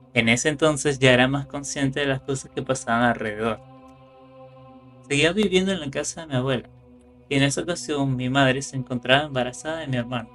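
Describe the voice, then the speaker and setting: A man reading horror stories aloud in calm scripted narration, rising for the tense moments. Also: mid-range voice. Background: faint music.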